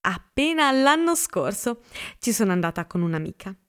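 A woman voicing a gossipy, excitable young woman in an audiobook, with a chatty manner. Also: medium pitch, normal speed, clean tone, close to an everyday voice. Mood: chattering. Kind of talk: audiobook character reading.

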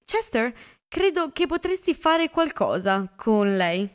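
A woman voicing a shrill, self-important married woman in an audiobook. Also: normal speed, lightly acted. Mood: eager. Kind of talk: audiobook character reading.

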